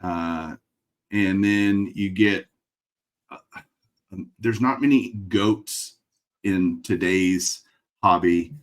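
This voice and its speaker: A middle-aged collector from Texas, voice very low, talks on a casual webcam interview against walls of framed memorabilia. He stretches his words out and leaves long pauses, thinking aloud as he goes, laid-back and wry.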